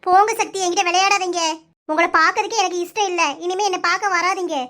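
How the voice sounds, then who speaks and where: Woman doing a squeaky tearful young village girl. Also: fairly even intonation, quick pace, bright, forceful tone. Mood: hurt. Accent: Kanyakumari Tamil. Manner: pleading and sulky, high squeaky voice. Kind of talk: cartoon voice acting.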